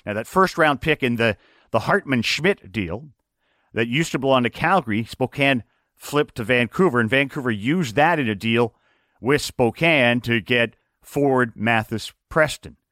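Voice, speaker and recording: A man's voice: mid-range voice, expressive, a bit bright, dry recording, studio quality. A man hosting a sports radio show, rattling off hockey trade details. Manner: rapid rundown of hockey trades.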